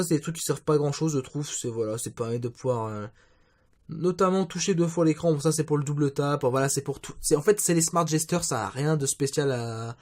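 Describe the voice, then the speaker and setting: Man, fairly high voice, rambling casual phone review, lots of restarts. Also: darkish tone. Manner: chatty, rambling, many restarts and fillers. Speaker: tech reviewer.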